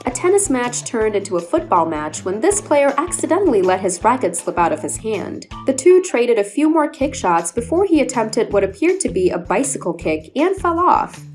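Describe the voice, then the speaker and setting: A woman delivers scripted compilation narration in a fairly high voice. Her intonation is very lively and varied, with faint music underneath. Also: moderate pace, few pauses. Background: background music.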